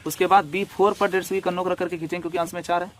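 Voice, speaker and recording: A man's voice: high-pitched, flat delivery, racing, slight background noise. A man teaching a maths lesson step by step, repeating each step and asking rhetorical questions as he draws.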